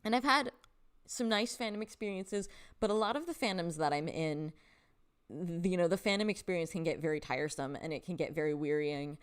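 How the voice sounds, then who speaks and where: A young woman hosting a live stream, talking casually with her viewers. Her voice sits fairly low for a woman, and her talk is loose and friendly, full of "um" and "like", with frequent laughs. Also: fairly even intonation, fairly quick, clear, resonant tone. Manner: chatty, filler-heavy, laughs often, reads chat aloud. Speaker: livestream host.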